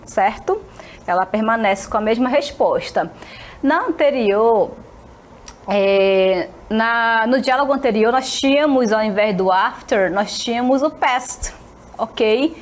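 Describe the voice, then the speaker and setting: A woman teacher with a fairly high voice gives a televised English lesson. She talks in a friendly way, keeps checking in with her students, and slows down to model each phrase carefully. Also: expressive. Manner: friendly, checks in constantly with short tags.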